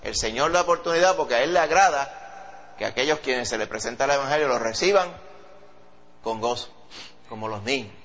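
A man preaching a sermon with a Puerto Rican accent, animated and acting out quoted voices. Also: a little fast, long pauses. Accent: Puerto Rican Spanish. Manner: animated, acts out quoted voices in a high pitch. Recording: dull lo-fi sound.

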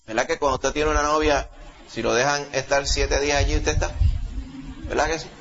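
A man with a Puerto Rican accent preaching a sermon to a congregation, emphatic, rising to loud exclamations and dropping low, often asking his listeners questions. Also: flat delivery, fairly quick, a little hiss or hum. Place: church service before a congregation. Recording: dull lo-fi recording.

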